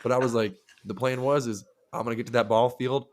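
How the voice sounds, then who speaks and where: A man's voice: medium pitch, fast talker. A man co-hosting a podcast, telling a long story in casual chat, swearing freely and acting out what people said. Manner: animated, profane, acts out quoted dialogue. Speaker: podcast co-host.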